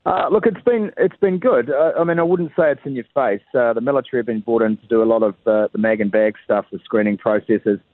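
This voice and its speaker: Talking fast with few pauses, a man with a mid-range voice delivers a live phone report to a radio show. He's conversational and says "uh" a lot, and his voice comes over a tinny telephone line with no room sound.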